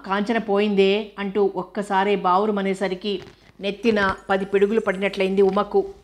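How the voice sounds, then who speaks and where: Brief: woman audiobook narrator, evenly paced novel reading, middling pitch, monotone. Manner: steady, even reading.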